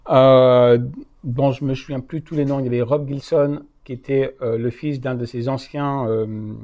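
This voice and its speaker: A man's voice: medium pitch, warm tone, muffled recording. A man giving a live talk to an audience, speaking with frequent hesitations, fillers and self-corrections. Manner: hesitant, many fillers and restarts. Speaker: lecturer. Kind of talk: live lecture. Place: lecture hall.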